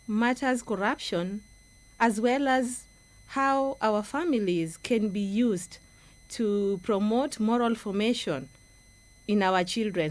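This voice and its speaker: Slow-speaking Kenyan woman on radio. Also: medium pitch, darkish tone. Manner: earnest, instructive. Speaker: guest speaker, project coordinator. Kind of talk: radio talk presentation. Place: radio studio.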